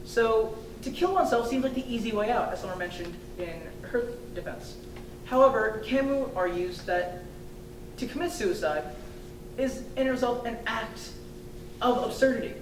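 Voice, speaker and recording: In a reverberant room captured by a far-off mic amid rumbling noise, a young woman stumbles tentatively through her thesis defense. She keeps adding offhand, hedging remarks.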